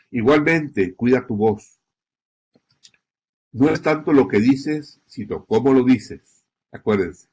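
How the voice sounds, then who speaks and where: A man's voice: medium pitch, a little mellow, breathy edge. A man lecturing on journalistic narration, checking in with his listeners often and stressing key words. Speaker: journalism instructor. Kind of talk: recorded lecture.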